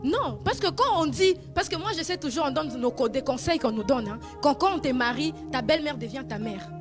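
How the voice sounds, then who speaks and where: A woman telling a true story as a moral lesson, animated and full of rhetorical questions. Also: sits high, a little fast, music in the background.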